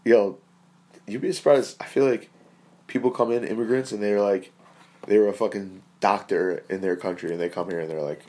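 A young man in casual chat, laughing often and swearing as he tells animated stories. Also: fairly low pitch, fairly quick.

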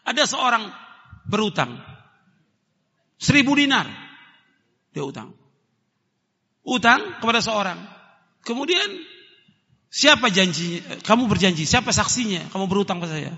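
Brief: male preacher, very high and piercing, lively melody, emphatic and repetitive, recites Arabic, dull lo-fi hall recording. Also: a little slow, vocal fry, pauses often, slightly rough. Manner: emphatic, repeats key phrases, swings between loud and soft; recites Arabic prayers and verses. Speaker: Islamic preacher. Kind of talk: sermon.

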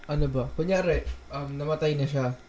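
A man with a Filipino accent chatting as a podcast co-host. He chimes in with short reactions and thinks out loud. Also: on the high side, a little fast, a little hiss or hum. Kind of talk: casual chat.

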